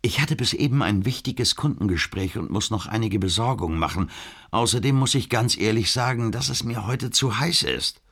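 A male reader playing an overworked man on the phone who grumbles and gets defensive. His voice is husky and low. He sounds put upon by his work. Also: lively intonation, normal speed, a bit bright, exaggerated voice. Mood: apologetic. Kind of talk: audiobook character voice.

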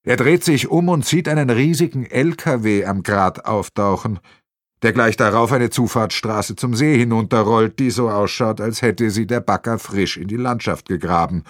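A man's voice: lowish voice, normal speed, no echo. A man narrating a crime novel in a wry storytelling manner on a close mic. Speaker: audiobook narrator.

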